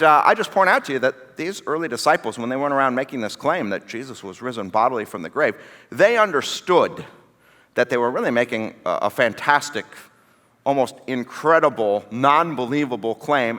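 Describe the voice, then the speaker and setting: A man's voice: medium pitch, expressive, normal speed, bright, forceful tone, in a large hall. A man preaching a casual, conversational sermon, acting out the voices of the people in the story. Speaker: pastor. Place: church sanctuary.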